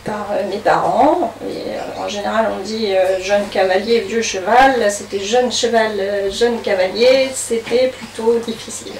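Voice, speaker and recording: A woman's voice: mid-range voice, a little mellow, distant mic. A woman gives casual interview answers in a mid-range voice. She hesitates often and builds her sentences piece by piece. The recording is echoey, with faint noise. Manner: hesitant, pausing often mid-phrase to find words. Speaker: interview guest, horse-assisted therapist. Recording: roomy echo, off-mic, faint noise.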